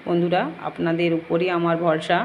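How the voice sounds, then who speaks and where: A woman's voice: lowish voice, monotone, normal speed, phone-quality sound, slight background noise. Earnest woman. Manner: earnest, pleading, addresses viewers as friends. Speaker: home shrine devotee vlogger. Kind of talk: devotional home vlog talk.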